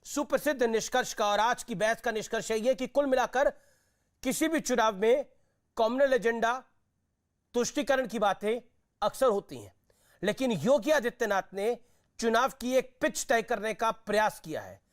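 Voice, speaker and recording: A man's voice: extremely high pitch, normal speed. A man anchoring a televised news debate, pressing and repeating his questions over interruptions and then closing the show. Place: TV studio.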